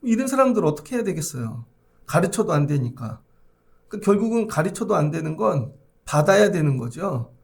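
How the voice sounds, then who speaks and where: A man's voice: high-pitched, very animated, normal speed, vocal fry. A male pastor preaching an early-morning sermon, posing rhetorical questions to the congregation and acting out prayers as he goes. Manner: acts out prayers and quoted speech in his preaching.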